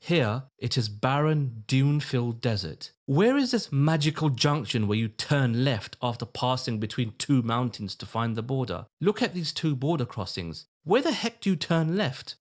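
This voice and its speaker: A man's voice: medium pitch, expressive, normal speed, hardly any pauses. A man narrating a critical commentary video in a sarcastic, scolding way.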